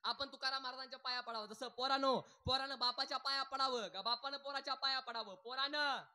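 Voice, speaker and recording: Man, kirtan preacher, high voice, animated, jokey storytelling. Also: fairly quick, clear, resonant tone. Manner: animated, quizzes the crowd and calls for loud answers. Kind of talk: humorous devotional kirtan sermon.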